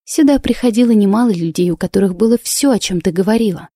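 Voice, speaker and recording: A woman voicing a lively young female artist in an audiobook, exclaiming and teasing in a raised voice. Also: medium pitch, fast talker, dry recording, clean studio sound, voice pushed up, lightly acted. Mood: earnest. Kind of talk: audiobook reading.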